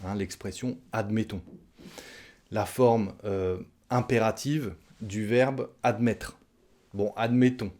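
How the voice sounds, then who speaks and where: A man's voice: on the low side, fairly even intonation, takes it slowly, a little mellow. A man teaching a French language lesson online, explaining expressions and acting out short example lines.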